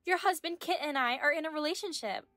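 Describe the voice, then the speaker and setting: A woman's voice: high voice, fast talker, bright, forceful tone, dry recording, soft background music, voice pushed up. Woman voicing a smug young mistress. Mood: taunting. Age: 20s. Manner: mocking, condescending. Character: smug young female medical student mistress.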